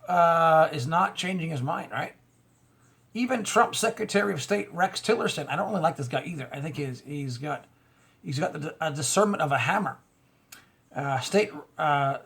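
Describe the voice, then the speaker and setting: Male commentator, gravelly and husky, slightly high pitch; reads news then rants back with mocking asides. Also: fairly bright tone. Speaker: commentator reading and reacting to news. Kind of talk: casual spoken commentary on news.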